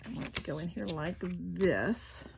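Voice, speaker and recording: A woman's voice: lowish voice, lively intonation, normal speed, vocal fry, noisy background. A woman, talking casually through a craft tutorial, chatty and self-deprecating, with muttered asides while she works. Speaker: craft video maker.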